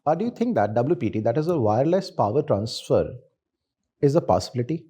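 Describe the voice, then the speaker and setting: Male Indian interviewer, soft-edged dark timbre with some rasp, insistent and probing. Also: mid-range voice, big pitch swings, fairly quick. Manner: insistent, probing, repeats questions. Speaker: interview panellist. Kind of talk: interview questioning.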